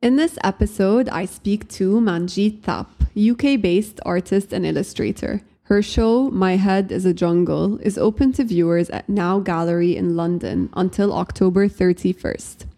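A woman hosting a podcast, reading its introduction in an upbeat, clear way. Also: medium pitch, measured pace, few pauses, dark tone. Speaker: podcast host.

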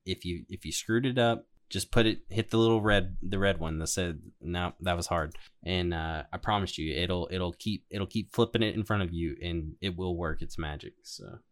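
Man, very deep voice, casual conversation, podcast panelist. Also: normal speed, hardly any pauses. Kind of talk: casual chat about study plans.

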